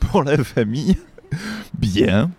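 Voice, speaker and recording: A man's voice: a little high, darkish tone. A man hosting a film review show, chatting casually in an indignant, rambling way with many restarts. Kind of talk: casual chat.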